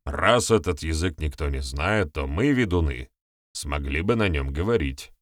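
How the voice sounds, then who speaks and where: A man reading the part of a grey-haired old forest sage who speaks in a calm, measured way. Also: very deep voice, no room sound, studio quality.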